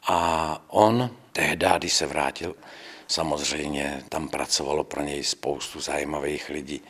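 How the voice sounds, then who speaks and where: An older male priest recounts memories in what sounds like an interview. His voice is deep and husky and his tone calmly convinced, and he slips into the voices of the people he quotes.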